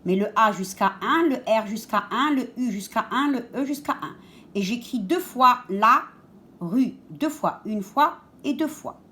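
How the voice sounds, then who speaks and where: A woman teaches a lesson to young children in a fairly high voice. She speaks very slowly and deliberately, stressing single sounds and repeating each word twice. She gives calm step-by-step instructions. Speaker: schoolteacher.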